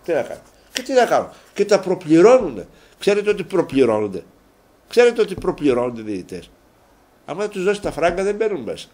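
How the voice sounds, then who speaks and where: A man with a slightly high voice hosts a local TV sports show from a studio. He chats to his viewers in a rambling way, repeating his phrases. When a grievance grabs him he rises in pitch and volume. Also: very animated. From Greece. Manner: rambling, repeats phrases, gets worked up and loud when ranting. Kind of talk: casual sports talk to viewers.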